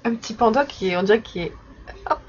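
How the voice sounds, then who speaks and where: A young woman casually chatting in her vlog while showing stickers she bought, with many fillers and soft laughs. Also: fairly high pitch, animated, fast. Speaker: vlogger. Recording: slightly dull recording with faint background noise.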